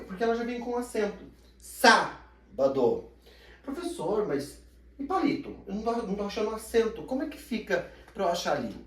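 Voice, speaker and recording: A man teaching a recorded grammar lesson, his pitch rising and falling in lively swings. He stretches out the syllables he wants to stress and plays his own students asking questions. The sound is roomy and echoey, with the speaker a little away from the microphone. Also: distant mic. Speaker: Portuguese language teacher. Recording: echoey room, somewhat off-mic.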